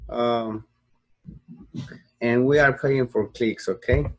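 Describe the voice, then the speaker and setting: A sleepy young US man explains a screen-recorded online marketing tutorial slowly, in a steady, medium-pitched voice. His delivery wanders through fillers and restarts, with frequent "okay?" check-ins.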